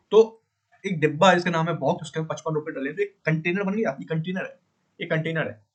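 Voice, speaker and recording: Higher-voiced man teaching coding casually. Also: breathy edge. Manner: repeats points, asks and answers own questions; frequent pauses to fix the drawing. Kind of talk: casual screen-drawing coding lesson.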